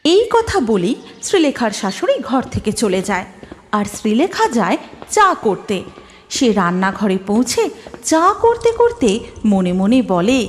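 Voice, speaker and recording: A woman narrating a cartoon folktale in an expressive, sing-song storytelling manner. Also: on the high side, moderate pace, slight background noise. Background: music.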